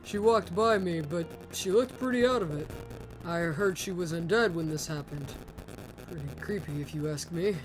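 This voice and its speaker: A woman's voice: on the low side, moderate pace, a little hiss or hum, pitched below the performer's own voice, lightly acted, low-quality recording. A woman voicing a laid-back, matter-of-fact male janitor at an academy, with a casual, shrugging delivery. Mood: nonchalant.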